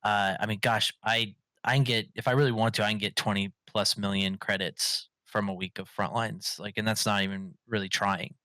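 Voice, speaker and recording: Guy hosting a gaming podcast, bright voice, dry close sound, rambles with lots of ums. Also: lowish voice, little pitch movement, moderate pace, few pauses, no echo. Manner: rambling, lots of fillers and restarts. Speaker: podcast host. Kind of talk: casual gaming podcast chat.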